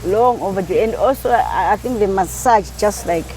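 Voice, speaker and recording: A woman's voice: medium pitch, normal speed, darkish tone, slight background noise, poor audio. Chatty woman from Malawi, interviewed. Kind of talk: casual interview.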